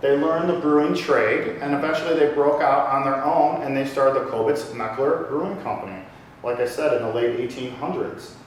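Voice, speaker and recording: A man's voice: medium pitch, steady tone, normal speed, far from the mic. A man giving a casual, joking public lecture, chatting with the audience. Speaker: lecturer on local brewing history. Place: lecture room with a live audience. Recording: echoey room, voice from off mic, faint hiss.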